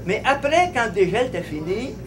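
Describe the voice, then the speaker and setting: A man from Abitibi with a Quebec French accent telling a childhood farm anecdote, animated and laughing, with rambling restarts. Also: sits high, brisk, noisy background. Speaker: storyteller. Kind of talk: personal anecdote told live.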